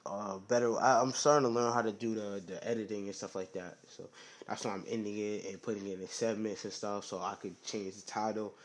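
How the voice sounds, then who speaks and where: A young man hosting a casual solo podcast, talking low in a rambling, slangy way with lots of "you know what I'm saying.". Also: steady tone, fairly quick. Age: young adult. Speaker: podcast host.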